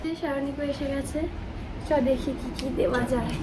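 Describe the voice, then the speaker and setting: A woman's voice: high voice, fairly even intonation, normal speed, reverberant, noisy background. A young woman from Kolkata with a Kolkata Bengali accent, chatting casually to camera in a family vlog, mixing English words into her Bengali. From Kolkata, India. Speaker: vlogger. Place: home rooms and a restaurant.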